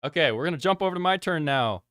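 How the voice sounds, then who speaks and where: A man's voice: on the high side, lively intonation, quick pace, fairly bright tone, no echo, studio quality. Teasing man hosting a board game stream. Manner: chatty, teasing, laughs often. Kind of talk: casual livestream chat while playing.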